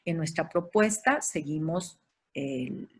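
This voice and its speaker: A woman's voice: sits low, animated, slow pace, husky. A woman giving an online lecture to teachers as an educational consultant, explaining and listing examples with frequent hesitations. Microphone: video call.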